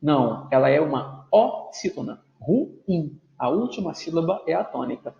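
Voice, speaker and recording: In a grammar video lesson, a male teacher speaks at a fairly high pitch with lively intonation, some vocal fry, and a slightly mellow quality. His explanations are patient, with words stretched out and spelled syllable by syllable, and he frequently asks his students "tudo bem?" to check they're following. The sound is dull and lo-fi, captured in an echoey room.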